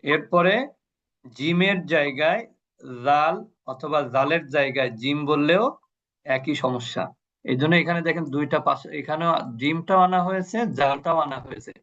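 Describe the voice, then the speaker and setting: A man's voice: on the high side, fairly bright tone. A male Quran recitation teacher giving an online class, patiently drilling sounds and asking his students questions. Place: online video call. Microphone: video call mic. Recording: muffled video-call audio.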